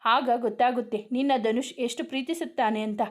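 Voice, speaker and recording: A woman's voice: a little high, steady tone, fairly quick, natural voice. A woman reading a sly scheming young man. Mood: coaxing.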